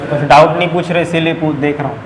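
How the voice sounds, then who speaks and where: A high-pitched young man with a Chhattisgarhi Hindi accent teaches a live coaching class, running through sentence patterns one after another. He talks to his students in a chatty, coaxing way. The sound is roomy, with a long echo and a faint hiss behind him. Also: steady tone, fast. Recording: echoey classroom, faint background noise.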